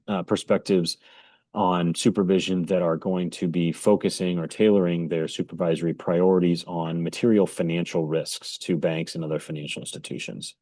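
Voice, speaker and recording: Deep-voiced man giving measured explanatory commentary. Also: darkish tone, no echo. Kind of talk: informal explanatory commentary on a report.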